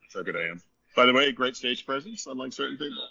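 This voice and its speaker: A man's voice: mid-range voice, lively intonation, quick pace, gravelly, pushed and bright, slightly rough, no room sound. A man co-hosting a casual show, rambling and joking while he walks through a venue on a spotty phone connection, out of breath. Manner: rambling, joking, laughs often. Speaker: co-host giving a venue tour. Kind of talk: casual chat. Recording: dull lo-fi call audio.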